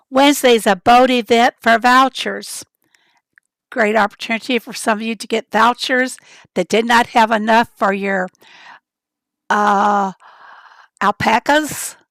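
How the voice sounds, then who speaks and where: A livestream host greets viewers from her chat in a chatty, rambling way, her voice raspy and hoarse from a summer cold. She speaks a little high with a fairly bright tone, and there's no echo.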